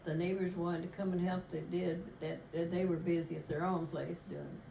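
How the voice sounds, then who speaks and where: A woman's voice: fairly low pitch, steady tone, normal speed, vocal fry, echoey room, highs cut off, a little hiss or hum. An older woman chatting with family, rambling and correcting herself as she recalls things. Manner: rambling, self-correcting storytelling. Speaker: interviewee. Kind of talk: casual family chat.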